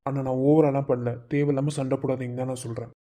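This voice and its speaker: A man voicing a brisk, firm young student. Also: mid-range voice, lightly acted. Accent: Madurai Tamil. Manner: firm yet polite, steady. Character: calm, protective young male college student.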